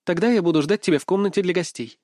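A man voicing a caring, shy young woman softly and tenderly in a dry audiobook recording. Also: high-pitched, racing, dry recording, voice pushed up, close to an everyday voice.

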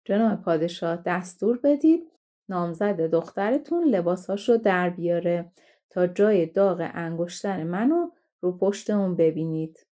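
A woman reading the part of a bold young sea captain in a fairy tale, forceful and indignant. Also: fairly low pitch, lively intonation, natural voice.

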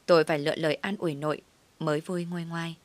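A woman narrating a personal story in the first person, in a steady, plain recounting manner. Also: sits low, fast talker, no echo.

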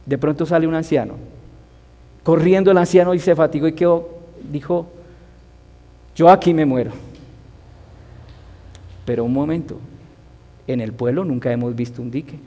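A man's voice: on the high side, a little fast, long pauses, warm tone, in a large hall. A man teaching a Bible study as a sermon, asking his listeners rhetorical questions. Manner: asks the audience rhetorical questions.

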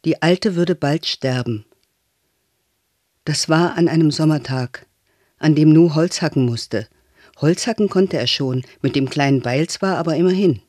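A man's voice: on the high side, a little slow, a little mellow, no echo. Man reading a novel aloud, dry sound. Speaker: audiobook reader. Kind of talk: scripted narration of a novel.

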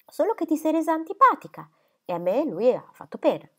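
Woman voicing a coquettish young lady, teasing and airy, lively swooping pitch, audiobook reading. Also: fairly quick, heavily acted.

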